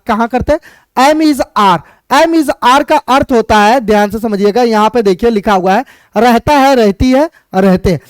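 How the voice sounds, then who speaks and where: Here English grammar gets explained in Hindi, one step at a time, with the teacher asking and answering questions and slowing to spell out every example sentence. It's a medium-pitched voice in a dry recording.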